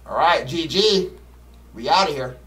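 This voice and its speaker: Animated and a little slow, this game streamer is picked up by a distant mic while playing a horror game. He grumbles bluntly in casual, slangy, profane commentary, alternating mutters with loud, high-pitched exclamations.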